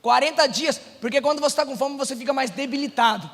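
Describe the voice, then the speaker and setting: Brazilian male pastor, high bright voice, sermon with testimony, echoing church hall. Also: fast talker. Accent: Brazilian Portuguese. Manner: swings from hushed storytelling to shouted exhortation.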